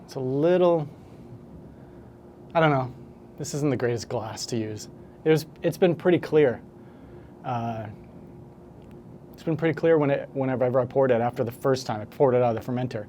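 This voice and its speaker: Guy rambling about his stuff to camera, mid pitch, lots of ums and restarts, bit of hiss behind. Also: moderate pace, long pauses, mellow. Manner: rambling, self-correcting, hesitant. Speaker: home brewer vlogger. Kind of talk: casual talk to camera.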